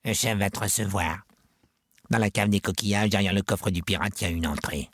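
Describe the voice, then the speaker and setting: A man voicing a sneering sewer rat henchman in a storybook reading, curt and sharp. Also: lowish voice, brisk, no room sound, clean studio sound.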